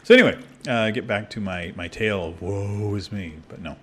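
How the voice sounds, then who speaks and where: A gaming video creator recording at his computer abroad chats candidly while he plays, rambling with lots of fillers and false starts. His voice is husky, fairly low, and a little quick.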